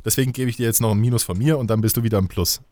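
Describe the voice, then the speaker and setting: A man's voice: lowish voice, very fast, warm tone, dry recording. Joking German podcast host man. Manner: joking storyteller, playful and rambling. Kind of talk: casual podcast banter.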